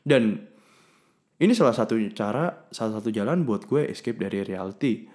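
A man's voice: lowish voice, lively intonation, normal speed. Young man, candid confessional storyteller, curses a lot, blends in English words. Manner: candid, slangy, cursing, mixing in English words; swings between loud bursts and mumbled asides. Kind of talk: casual personal story, talking to the listener.

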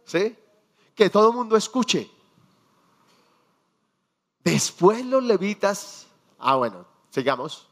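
A man preaching a sermon, quizzing his congregation and acting out quiet prayers and dialogue. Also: high-pitched, sing-song, slow, pauses often. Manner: asks the congregation questions and answers them; acts out prayers and dialogue in a hushed voice.

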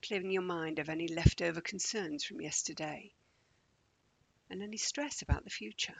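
A man leading a guided morning meditation in a slow, gentle, calming way, often dropping close to a whisper. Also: high-pitched, creaky, slightly rough, no echo.

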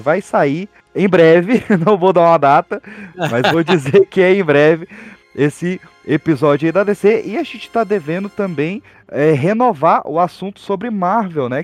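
A young Brazilian man with a slightly high-pitched voice talks as a podcast guest in an animated, informal way. His speech is slangy and casual, recorded dry and close with little room sound, with faint music behind him. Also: dry recording. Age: young adult.

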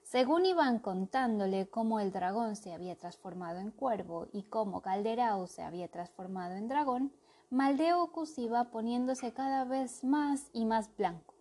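A woman reading a children's storybook aloud, narrating in an expressive way. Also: a little high, moderate pace. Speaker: storybook reader.

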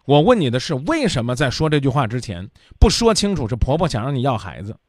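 A man's voice: medium pitch, big pitch swings, fast talker, dry recording, studio quality. A man hosting a radio advice show, lecturing a caller bluntly and scolding her.

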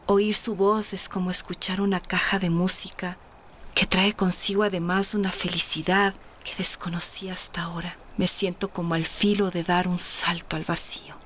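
Woman playing formal romantic noblewoman, candid and earnest, deeper voice, bit of ambient noise, audio drama. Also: flat delivery, normal speed, a bit bright, lightly acted. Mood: confiding, smitten. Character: refined, candid married lady, romantic and independence-minded.

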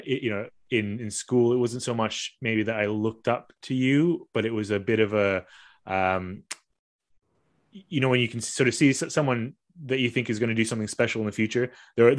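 A man hosting a podcast, asking questions in a rambling, hesitant way. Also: mid-range voice. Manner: rambling, hesitant with many fillers and restarts. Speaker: podcast host. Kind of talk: casual interview.

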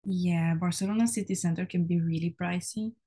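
A woman's voice: lowish voice, fairly even intonation, fairly quick, dark tone, breathy edge. A young woman from Spain, a university student, chatting casually as a podcast guest, with many "like" and "you know" fillers. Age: young adult.

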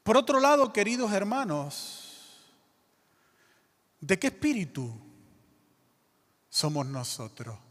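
A man's voice: sits high, very animated, slow pace, pauses often, a bit bright. A male pastor preaching a sermon in a church, calling out to the congregation and urging them to answer back. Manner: emphatic preaching with call-and-response to the congregation. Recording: reverberant church hall.

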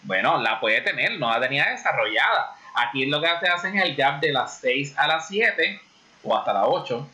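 A man's voice: fairly high pitch, lively intonation, moderate pace, sharp tone. A man in casual debate, insistently arguing his point at length.

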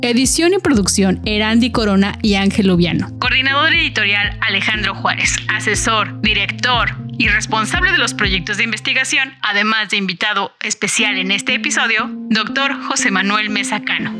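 A woman hosting a podcast, reading a scripted, reflective closing narration in a measured way. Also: mid-range voice, lively intonation, sharp tone. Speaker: podcast host. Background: music.

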